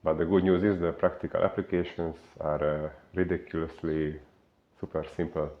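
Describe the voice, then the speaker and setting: A man from Hungary with a Hungarian accent, a fitness coach giving an unhurried explainer talk full of filler pauses. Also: rumbling low, flat delivery, highs cut off.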